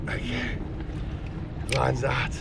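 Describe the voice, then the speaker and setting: A man in his thirties fishing from a kayak on the open sea talks casually into an action camera mounted on the boat. His mid-range voice is creaky, with drawn-out words, and he whoops and cheers excitedly as the fish run. Wind and water noise fill the outdoor recording.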